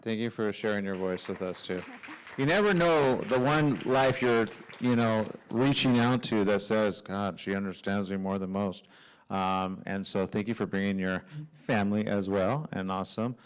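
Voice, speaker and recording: A man's voice: lowish voice, moderate pace, slight background noise, rough recording. A man hosting a conference off the cuff, informal and rambling as he moves between speakers. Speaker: conference host introducing speakers. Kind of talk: unscripted casual hosting.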